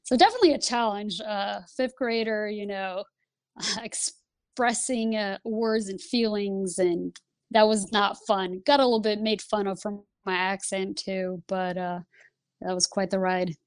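A woman, a podcast guest telling her story in a lively, casual way. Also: medium pitch, a little slow, smooth, dry recording. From Lithuania. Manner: lively, laughs while telling stories. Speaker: guest, Air Force pilot instructor.

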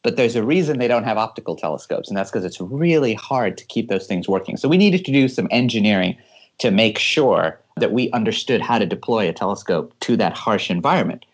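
A man's voice: lowish voice, expressive, a little fast, breathy edge. A man from California, a guest engineer giving eager, explanatory interview answers and laughing often as he talks.

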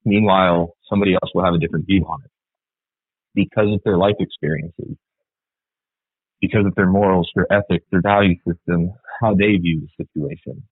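A man's voice: deep voice, fairly even intonation, a little fast, husky, dry recording. A man, an Army sergeant, talking earnestly and reflectively in a candid podcast interview, with fillers and repeats. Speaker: guest, Army sergeant and article author. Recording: tinny phone-like line, dry.

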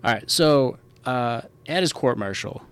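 A man with a mid-pitched voice hosts a legal podcast. He explains in an informal, conversational manner, like a colleague quizzing another. He repeats key points for emphasis. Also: animated, a little slow, fairly bright tone, clear, resonant tone. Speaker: podcast host, military lawyer.

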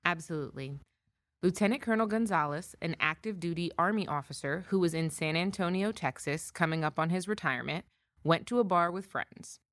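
American female legal presenter, lower-pitched, scripted case summary, dry close recording. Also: fairly quick, a bit bright, no room sound. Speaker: podcast co-presenter, military lawyer.

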